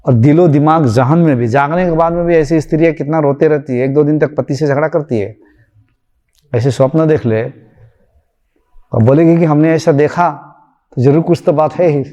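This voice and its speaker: A spiritual teacher, a man, tells a story to his followers in a relaxed, chatty way, slipping into the voices of his characters. His voice sits fairly high but sounds mellow and warm. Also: normal speed, muffled recording.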